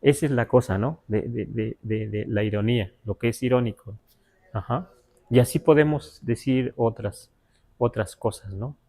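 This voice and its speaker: A man with a Mexican Spanish accent teaching a language class, halting with many fillers and spelling words out syllable by syllable. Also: mid-range voice, creaky, mellow. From Huasteca, Mexico. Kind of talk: live class explanation.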